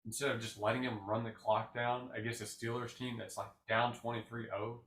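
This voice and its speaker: A man's voice: mid-range voice, level tone, brisk, a bit bright. A young man co-hosting a podcast, chatting about sports in a laid-back, agreeable way. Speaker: podcast co-host. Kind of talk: casual sports chat. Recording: roomy echo.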